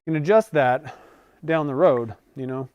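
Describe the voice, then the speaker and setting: A man's voice: fairly high pitch, normal speed, darkish tone. A man in his forties hosting a casual livestream from his workshop, rambling with frequent self-corrections and chuckles. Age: 40s. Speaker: livestream host. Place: home workshop.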